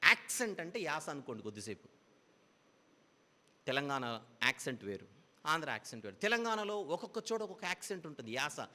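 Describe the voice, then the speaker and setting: A man's voice: a little high, very animated, brisk, pauses often, bright, forceful tone, long reverb tail. A man preaching a Bible teaching sermon, explaining patiently with repeated parallel phrases.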